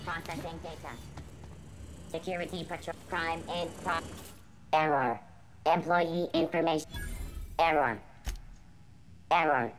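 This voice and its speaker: A woman voicing a malfunctioning security robot in a video game, with a glitching robot voice that breaks off mid-word and gives flat, clipped announcements. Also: sits low, unhurried, pauses often, noisy background.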